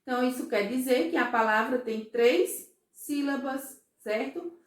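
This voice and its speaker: A Brazilian woman teaching young children, with a fairly high voice and a very slow, patient delivery. She keeps checking that the class follows along. The recording is echoey, as if made in a bare room. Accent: Brazilian Portuguese. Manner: slow, patient, asks children "certo?" and "ó" often. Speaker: first-grade teacher.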